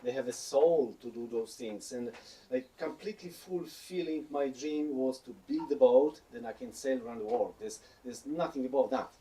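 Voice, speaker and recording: A man giving an earnest, halting thank-you speech about his dream. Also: mid-range voice, warm tone, distant mic, rough recording. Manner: earnest, halting, non-native phrasing. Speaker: sailor thanking hosts.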